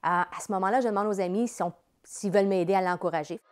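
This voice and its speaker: A woman's voice: medium pitch, quick pace, clean tone. A woman with a Quebec accent enthusiastically explaining her children's show in a promotional interview. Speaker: children's entertainer, company president.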